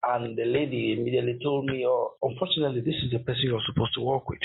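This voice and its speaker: Raspy gravelly man on a tinny line. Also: mid-range voice. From Cameroon. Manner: hesitant, many restarts and fillers, earnest. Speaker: guest, university lecturer. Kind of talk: interview storytelling.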